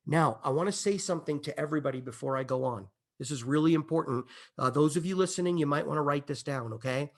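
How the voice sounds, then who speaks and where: A man pitching a business opportunity, his voice sitting high for a man with a gravelly, creaky edge. He talks in an emphatic, excitable way, building hype and checking in with his listeners again and again. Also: fast. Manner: repeats "okay?" and "imagine this" to the audience. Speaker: company presenter.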